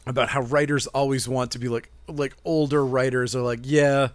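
Here a comic shop worker co-hosting a laid-back podcast speaks at medium pitch, a bit fast, with fairly even intonation. He chats enthusiastically and rambles about comics and toys, breaking into laughter often.

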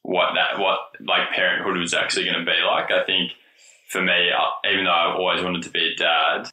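A young man with a low but very bright voice talks through his story in a relaxed, rambling way. He fills his sentences with ums and likes. The sound is a little roomy and echoey. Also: fairly quick. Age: 20s. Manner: relaxed, rambling, many fillers. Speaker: podcast guest. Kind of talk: casual chat.

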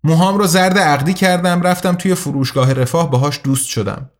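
A man voicing a secretive young woman who speaks in a hushed, muffled way behind her hand. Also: fairly high pitch, natural voice. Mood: scheming.

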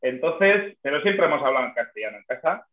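A man's voice: medium pitch, big pitch swings, brisk. A man chatting casually on a podcast, talking hesitantly with many restarts and fillers. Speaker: podcast co-host. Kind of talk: casual chat. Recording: echoey room over a tinny phone-like line.

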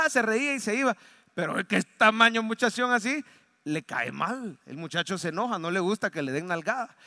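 A male pastor delivers a lively sermon. His voice sits high and sounds bright and forceful. He acts out the lines of the people in his story. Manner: animated storytelling, acting out quoted lines.

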